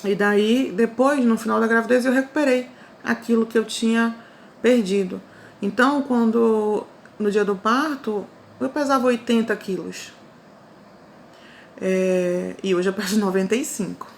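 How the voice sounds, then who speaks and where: A woman with a Brazilian Portuguese accent telling her own life story in a casual, animated way, often repeating phrases for emphasis. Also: on the high side, measured pace, gravelly, a little hiss or hum. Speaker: testimony storyteller.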